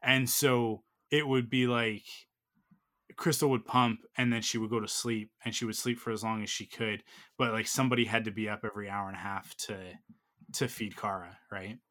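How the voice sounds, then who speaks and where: A man's voice: lowish voice, flat delivery, normal speed, fairly bright tone. A man in his thirties telling a long personal story in casual chat, full of fillers and restarts. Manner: rambling, filler-heavy storytelling.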